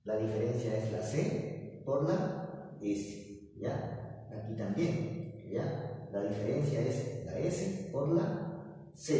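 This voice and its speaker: A man's voice: mid-range voice, mellow, recorded from a distance. Peruvian male teacher, patient and repetitive, recorded off-mic in a roomy space with heavy reverb. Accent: Peruvian Spanish. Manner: patient, repetitive, keeps asking "¿ya?". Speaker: primary school teacher. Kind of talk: recorded classroom lesson. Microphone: far from mic.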